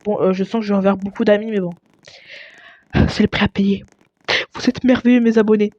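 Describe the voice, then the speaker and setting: A young woman chatting casually over her gameplay. She stammers often and breaks into excitable outbursts. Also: mid-range voice, brisk, dry recording, muffled recording. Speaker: gaming video creator.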